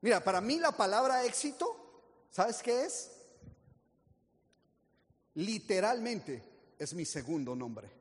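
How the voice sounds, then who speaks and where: Casting: energetic male motivational speaker, high voice, lively anecdotes, long echo of a hall. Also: slow pace, pauses often. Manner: animated storytelling with acted-out quotes. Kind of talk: motivational talk.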